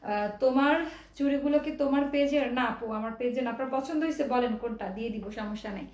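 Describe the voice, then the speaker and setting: A woman's voice: high-pitched, fast talker, darkish tone. A young woman from Bangladesh showing dresses for sale at home, chatty and a little out of breath, mixing English words into her talk. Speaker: online clothing seller. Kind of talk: casual live product showcase. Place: room at home. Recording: echoey room, somewhat far from mic.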